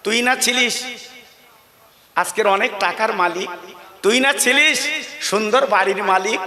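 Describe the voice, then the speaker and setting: A man's voice: sits high, a little slow, crowd noise. A man voicing a grieving old mother who speaks tenderly to her son, in a reverberant hall.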